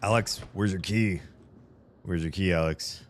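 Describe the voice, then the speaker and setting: A streamer's low voice moves at a measured pace as he commentates casually on a video game he's playing. Rambling and thinking aloud, he swears now and then and laughs, his voice a little worn as though he's slightly losing it.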